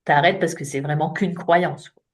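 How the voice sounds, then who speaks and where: A woman's voice: low-pitched, steady tone, moderate pace. A woman in her late fifties, a coach giving an informal talk in French, chatty and self-mocking with frequent fillers. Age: 50s. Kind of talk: live online talk to an audience.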